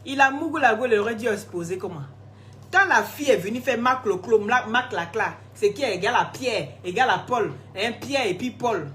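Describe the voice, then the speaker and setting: A hoarse woman, scolding and gossiping in a casual live stream, laughing often. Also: on the high side, moderate pace, slight background noise. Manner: animated, scolding, laughs a lot. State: hoarse, sore throat.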